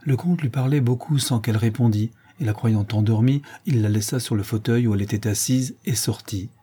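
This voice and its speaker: A man narrating a classic novella as an audiobook, measured and expressive. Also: mid-range voice, breathy edge.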